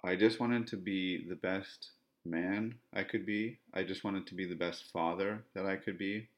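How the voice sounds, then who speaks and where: The low-pitched voice belongs to a podcast host from Ontario giving a monologue. By his own description he speaks in a monotone, flat in delivery and measured and repetitive in phrasing.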